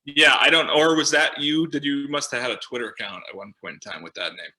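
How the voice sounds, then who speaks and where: A man's voice: mid-range voice, fairly quick, bright, forceful tone. A man with a Minnesota accent, a podcast guest on a video call, chatty and self-mocking. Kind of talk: casual podcast chat.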